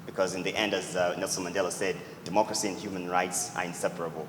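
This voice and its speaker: Man, very low voice, earnest pitch answers, echoey hall, loud room ambience. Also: flat delivery, fast, noisy background. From Tanzania. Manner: earnest, repeats "actually" often. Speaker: startup founder answering judges. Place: event hall.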